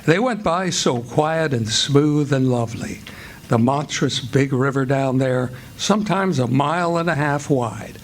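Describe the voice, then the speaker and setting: Performing on a live stage with music behind him, an American actor narrates a radio play, telling a river tale in a folksy, descriptive, scene-setting way. His natural voice is medium in pitch and a little slow, with slight background noise.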